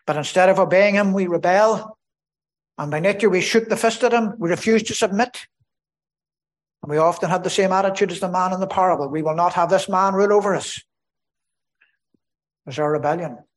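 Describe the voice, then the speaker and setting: A man preaching an earnest expository sermon, his emphasis rising and falling. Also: on the high side.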